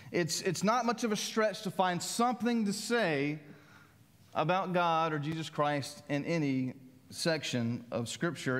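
A man preaching a sermon as pastor, talking conversationally with frequent asides and tag questions. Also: fairly high pitch. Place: church sanctuary. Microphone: worship mic. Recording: long reverb of a church hall.

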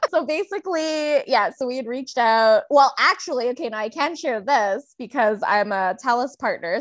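A woman co-hosting a podcast, chatting excitedly and laughing often. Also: medium pitch. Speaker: podcast co-host. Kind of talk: casual chat.

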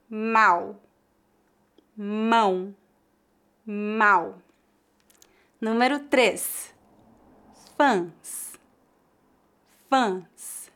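A woman with a Brazilian Portuguese accent teaches pronunciation in a slow, unhurried delivery. Her voice sits a little high, and she says each word clearly and repeats it so learners can follow. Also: fairly bright tone. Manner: slow, carefully articulated, repeats words for learners. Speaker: language teacher. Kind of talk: scripted pronunciation lesson.

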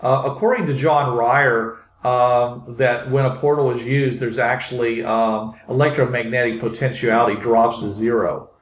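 A man's voice: mid-range voice, fairly even intonation, normal speed, hardly any pauses. A man running a tabletop game as game master, explaining in a hesitant way and repeating words as he goes. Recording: roomy echo, clear background noise.

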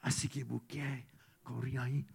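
Pastor, man, tired and hoarse, gravelly voice, animated sermon with shouts and hushed asides. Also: mid-range voice, unhurried. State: tired, strained throat. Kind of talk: lively storytelling sermon.

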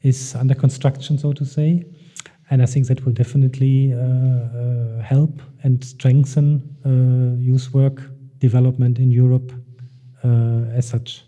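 A man, a non-native English speaker, answering interview questions in a hesitant, halting way, searching for words as he explains his work. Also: medium pitch, level tone, mellow. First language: not English. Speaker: interview guest working in European youth work.

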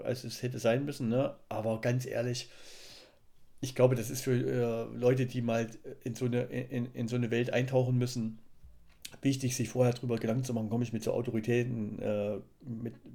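Gravelly, mellow man reflecting. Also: mid-range voice. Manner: reflective, hesitant, many restarts and "ne?". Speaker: podcast co-host. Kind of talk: casual chat.

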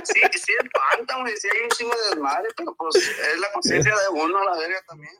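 A man's voice: high voice, sing-song, fairly quick, over a noisy crowd. A man with a Mexican accent chatting casually and jokingly in slangy, sweary Spanish with bits of English. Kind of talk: casual bilingual chat, Spanish with some English.

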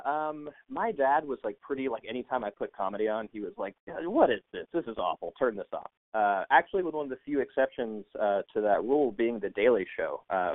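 A man from the United States, a podcast guest, chatting casually with many fillers and restarts over a remote call. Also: fairly low pitch. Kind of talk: casual interview chat. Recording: tinny phone-like line.

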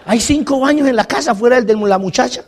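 High-voiced Colombian man telling stories. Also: quick pace. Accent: Colombian Spanish. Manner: animated, asks the audience questions and jokes. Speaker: motivational speaker. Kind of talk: live storytelling talk to an audience.

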